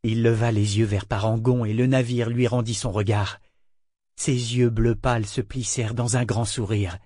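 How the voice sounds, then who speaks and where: A man narrating a novel as an audiobook in a measured, steady reading. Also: medium pitch, no echo, clean studio sound.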